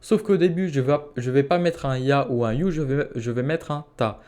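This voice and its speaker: A man of average pitch gives a grammar lesson in a calm, methodical way. He repeats each example word slowly so learners can follow, and he circles back to sum up each rule. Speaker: language teacher. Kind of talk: explaining grammar step by step.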